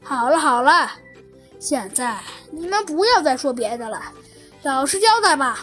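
A woman's voice: high-pitched, big pitch swings, moderate pace, a bit bright, voice pushed down. A woman voicing a bossy male monkey police chief in a children's story, over faint music. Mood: stern. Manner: bossy, commanding.

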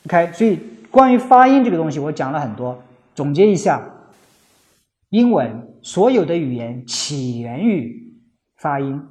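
A man's voice: fairly high pitch, very animated, a little slow, a little mellow. A middle-aged man from China giving earnest, casual advice on learning English, often slipping English phrases into his talk. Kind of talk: casual spoken lesson. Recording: faint music behind.

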